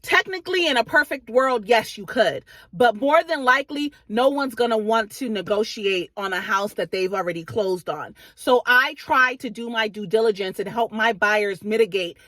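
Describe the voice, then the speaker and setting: A woman with a somewhat high voice speaks as a real estate agent advising home buyers. She explains things conversationally, often checking that listeners are following. The recording is dry, with very little room sound. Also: normal speed, few pauses, fairly bright tone, no echo. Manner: conversational, explanatory, checks understanding with "right?" and "okay?". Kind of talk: informal advice talk to viewers.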